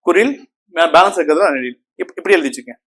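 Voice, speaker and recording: Higher-voiced man teaching a class. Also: animated, quick pace, a bit bright. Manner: asks the class frequent checking questions; repeats terms and counts on fingers. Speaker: Tamil grammar teacher. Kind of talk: classroom grammar lesson.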